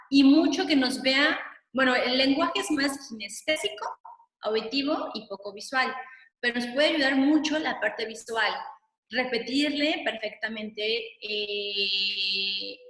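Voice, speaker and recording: A woman speech therapist, patiently explaining in a webinar and sounding out syllables slowly. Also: a little high, pushed and bright. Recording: echoey room, long reverb.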